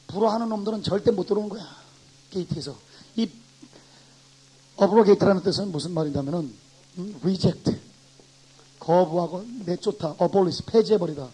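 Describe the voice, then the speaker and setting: A pastor giving an animated classroom lecture, a man who acts out his examples and swings from loud to soft. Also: high-pitched, husky, rough recording.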